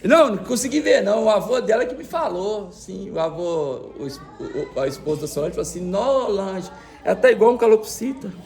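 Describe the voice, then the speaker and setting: A male pastor preaches to his church in a loose, joking way and teases people in the pews. His voice sits high and swings up and down a lot. A gravelly rasp runs through it. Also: lively intonation, a little fast, darkish tone. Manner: joking, chatty, teasing the congregation. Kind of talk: sermon. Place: church service.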